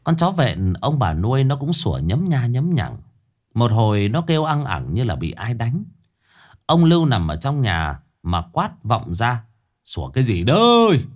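A man's voice: medium pitch, big pitch swings, a little slow, darkish tone. A man narrating a horror story in a vivid, dramatic way.

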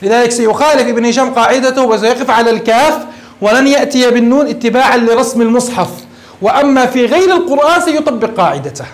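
A man's voice: very high-pitched, quick pace. A man teaching grammar in a classroom lecture, explaining step by step and asking his students questions before answering them himself. He slips into phrasing.

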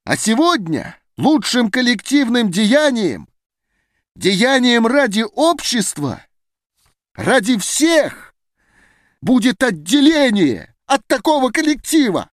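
An indignant male geneticist, voiced by a male audiobook reader, hurls his words in a high, animated voice. He sounds heated and declamatory, rising toward shouts, recorded close and dry. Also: slow, dry recording, heavily acted. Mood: defiant. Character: agitated male geneticist defying a meeting. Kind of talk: audiobook character voice.

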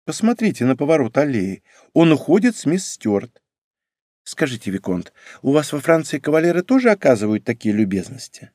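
A man voicing a shy, gentle young court lady in an audiobook, speaking softly with sighs. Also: on the high side, sing-song, normal speed, dry recording, studio quality, pitched above the performer's own voice. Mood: wistful.

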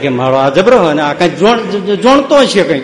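A man's voice: high voice, very animated, normal speed, crowd noise. A man giving a spiritual discourse, telling stories and firing off sarcastic, humorous rhetorical questions. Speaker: preacher. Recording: echoey hall.

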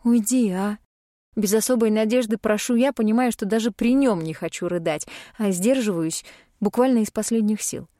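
A young woman reads a first-person audiobook with a dark, mellow tone. Her delivery is emotional and tearful, recorded dry and close to the mic. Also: medium pitch, a little fast, no echo. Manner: tearful, emotionally charged reading. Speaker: audiobook narrator.

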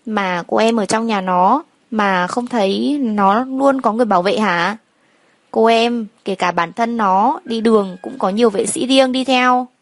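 A woman puts on a sneering, condescending gangster man who talks down to a naive young woman. The delivery sits fairly high and sounds close and dry, with no room around it, as in a storybook read aloud. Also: a little slow, no room sound. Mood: taunting. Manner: taunting, condescending. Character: sneering male gangster kidnapper, mocking.

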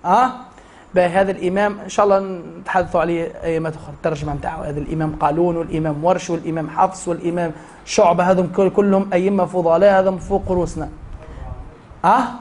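A man's voice: sits high, steady tone, very fast, darkish tone, a little hiss or hum. A man with a Tunisian Arabic accent teaching a Quran recitation class, asking the students questions and answering them himself. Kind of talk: classroom lesson.

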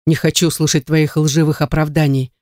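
A woman's voice: deep voice, little pitch movement, moderate pace, darkish tone, no room sound, clean studio sound, lightly acted. A woman voicing a jealous, brutal young man. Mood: furious, bitter. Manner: growling, hissing through anger.

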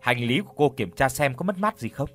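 A calm young wanderer in his twenties, voiced by a man narrating. He talks quickly and matter-of-factly. There is nothing showy in his tone. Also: medium pitch, faint music behind, close to an everyday voice. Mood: helpful.

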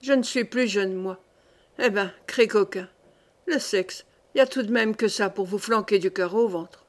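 A woman doing a gruff old soldier. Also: mid-range voice, unhurried, natural voice. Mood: hearty. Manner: folksy, rough speech.

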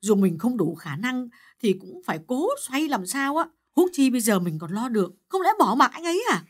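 A man voicing a distressed middle-aged wife who sobs and snaps in shrill, anxious bursts. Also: big pitch swings, a little fast, exaggerated voice. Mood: snappish. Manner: shrill, tearful and snappish.

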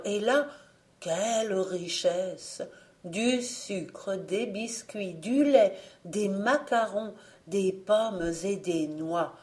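A woman reading a fairy tale aloud as an audiobook narrator, slow and expressive. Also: lowish voice. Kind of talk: storybook reading.

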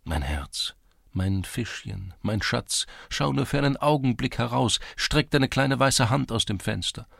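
A man's voice: mid-range voice, expressive, a little slow, creaky, a bit bright, dry recording, clean studio sound, voice pushed up, heavily acted. A man voicing an ardent young lovesick Cossack in an audiobook, pleading and tender. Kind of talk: audiobook character reading.

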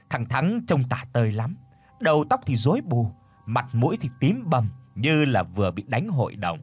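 Male audiobook narrator, expressive, husky, dry close sound. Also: medium pitch, dry recording. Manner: expressive, dramatic. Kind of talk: storytelling narration.

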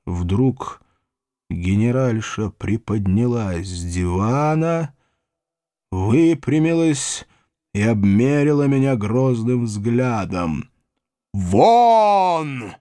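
Man, audiobook narrator, classic novel, dramatic, lively pitch, dry close sound. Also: takes it slowly, dry recording. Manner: expressive, dramatic.

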